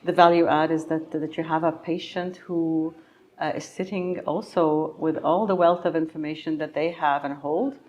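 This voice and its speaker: A middle-aged woman from Egypt, a patient advocate answering conference interview questions thoughtfully, pausing often with fillers. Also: low voice, fairly even intonation, darkish tone, dull audio. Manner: thoughtful, many pauses and fillers.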